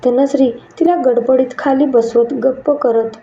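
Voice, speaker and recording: A woman's voice: high voice, steady tone, a little slow, mellow, slight background noise. A woman reading a scripted story aloud, giving each character a lightly shifted voice. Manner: reads dialogue lines in lightly shifted voices. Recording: muffled and echoey room.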